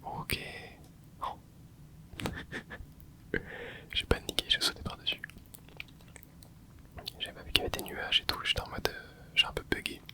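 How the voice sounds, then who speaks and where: A gaming channel host whispers casual gameplay commentary, rambling and thinking aloud with frequent hesitations and filler words. His voice is bright and forceful, moving at a moderate pace with frequent pauses.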